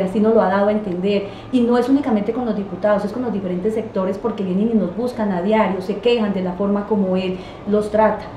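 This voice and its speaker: A woman's voice: mid-range voice, warm tone, dull audio. A woman, a regional deputy answering interview questions emphatically and indignantly, in a small office. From Quindío, Colombia. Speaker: departmental assembly deputy. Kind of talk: interview answers, political criticism. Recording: roomy office with clear noise.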